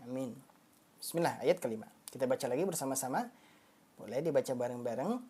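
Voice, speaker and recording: A woman with a low, mellow voice leads a live online recitation lesson. She explains patiently, repeats herself, and draws example words out slowly. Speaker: Quran recitation teacher.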